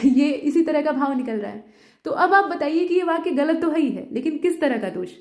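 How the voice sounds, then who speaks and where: A woman's voice: sits high, lively intonation, moderate pace, darkish tone, echoey room. A woman teaching Hindi grammar for an exam, explaining step by step and asking the listener questions. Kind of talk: exam-prep lesson.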